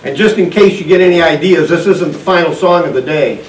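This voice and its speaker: An older man, a pastor, leading a church service with casual, folksy talk and halting fillers, heard in a church hall. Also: a little high, faint music behind. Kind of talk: sermon and service announcements. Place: church hall, indoors, medium-sized room. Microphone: far camera picking up the room's PA. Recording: echoey room from far off, faint hiss.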